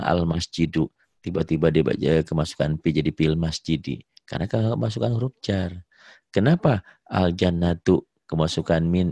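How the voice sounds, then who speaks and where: A man teaching Quran reading in an online lesson, patiently modelling the recitation with drawn-out vowels. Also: low voice, warm tone, breathy edge, no echo. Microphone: video call.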